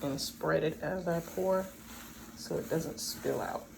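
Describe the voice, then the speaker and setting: A woman's voice: low voice, slow pace, gravelly. A woman chatting casually to viewers while making something at home, playful and talkative with frequent asides. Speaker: vlogger. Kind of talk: casual chat while doing a home craft. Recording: audible background noise.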